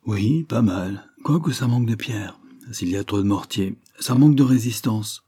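A man's voice: on the low side, normal speed, mellow, breathy edge, dry recording, studio quality. A man voicing a sly, surly rustic caretaker who talks in a sour, defensive way.

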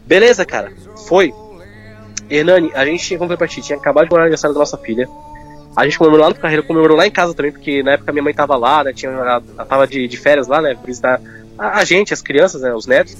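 Fast-talking man, higher voice. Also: faint music behind. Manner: fast, informal, full of fillers like "cara". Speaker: guest. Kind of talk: candid personal conversation.

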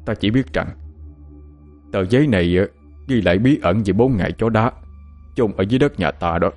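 A man's voice: fairly low pitch, moderate pace, darkish tone, soft background music, lightly acted. A man voicing a grave old-style mandarin father. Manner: solemn, urgent instructions. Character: grave middle-aged male mandarin father. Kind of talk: audiobook character acting.

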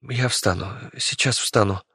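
A man's voice: fairly low pitch, a little slow, pushed and bright, husky, dry recording, studio quality, heavily acted. A man voicing a cautious young boy who speaks hesitantly. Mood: wary. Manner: hesitant, wary.

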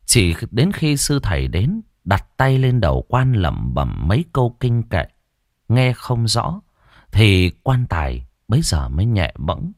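A man narrating a ghost story dramatically, with long pauses. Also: fairly low pitch, no echo, clean studio sound.

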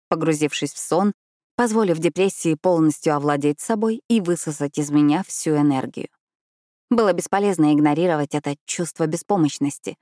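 A woman narrating a novel in the first person, with measured, dramatic storytelling. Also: lowish voice, a little mellow, dry recording, clean studio sound. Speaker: audiobook narrator.

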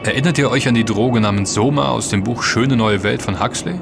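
Creaky and mid-range, this man's voice goes fairly quickly over background music, with a lightly acted delivery. He voices a sincere, informed character in a scripted audio drama, explaining things and emphatically warning his friends.

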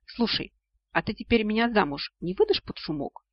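Bold young dragon heroine, read by a man, sardonic, breathy edge, muffled audio. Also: high-pitched, expressive, moderate pace, no room sound, voice pushed up. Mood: sarcastic. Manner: sharp, sarcastic retorts. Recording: dull lo-fi audio.

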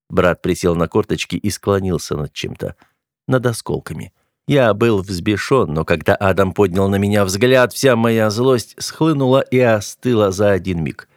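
A man's voice: lowish voice, a little mellow, no room sound, studio quality. Man narrating a dramatic audiobook. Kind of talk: first-person audiobook narration.

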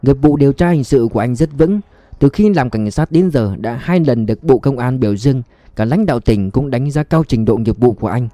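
Give me a man reading a detective story in a calm, measured way, with a dry, close studio sound. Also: medium pitch, dry recording. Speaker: audiobook narrator. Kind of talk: dramatic audiobook narration.

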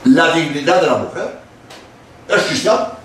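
Lively Spanish man preaching in an echoey hall. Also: a little high, far from the mic, a little hiss or hum. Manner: emphatic, with dramatic pauses and acted-out quotes. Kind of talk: sermon-style lecture.

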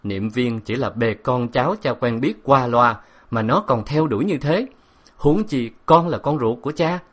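A stern middle-aged father speaks with hurt urgency in a husky, breathy voice, as a male reader plays him. His tone stays grave and earnest, read from a storybook. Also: medium pitch, moderate pace, fairly bright tone, lightly acted. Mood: urgent.

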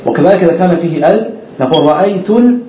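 A man's voice: sits high, lively intonation, racing, mellow, echoey room, muffled recording, slight background noise. A man teaching an Arabic grammar class, who explains step by step, asks the students questions and repeats the key words.

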